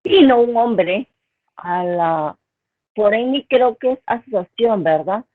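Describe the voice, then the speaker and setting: A woman's voice: medium pitch, expressive, slow, no echo. A woman student answers her teacher's questions a little tentatively. Her voice comes through a tinny, phone-like line with a dry, close sound.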